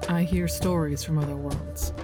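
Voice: mid-range voice, steady tone, normal speed, over music, voice pushed up, natural voice. A storyteller voicing a young woman warrior poet, determined but apologetic, who speaks earnestly and directly.

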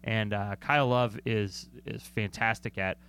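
A man's voice: lowish voice, steady tone, unhurried, fairly bright tone, smooth. A man co-hosting a sports talk show, analyzing football in a chatty, joking way and often correcting himself mid-sentence. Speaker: sports podcast co-host.

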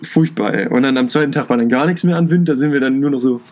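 A young man with a northern German accent, rattling off anecdotes at a fast clip. His pitch sits mid-range and leaps sharply whenever he acts out what someone shouted. It sounds like relaxed podcast chat between friends. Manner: animated storyteller, acts out quotes with sudden high pitch jumps. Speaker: podcast co-host. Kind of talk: casual chat.

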